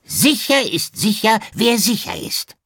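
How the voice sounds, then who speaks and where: Magpie sidekick, high squeaky chirp, slow and playful; a man puts it on. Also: sing-song, fairly bright tone, husky, dry recording, clean studio sound, exaggerated voice. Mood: excited. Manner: squeaky, rhymes and repeats words. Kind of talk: audiobook character voice.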